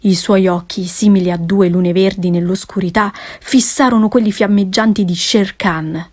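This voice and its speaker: A woman's voice: mid-range voice, fairly even intonation, moderate pace, darkish tone. Woman reading a storybook aloud. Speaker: audiobook narrator. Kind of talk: storybook audiobook narration.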